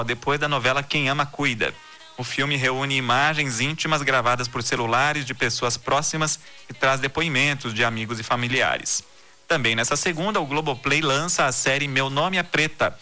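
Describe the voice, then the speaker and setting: A Brazilian man hosts a podcast and reads the news from a script. His tone is very bright and forward and his cadence steady and measured, with soft music low beneath him.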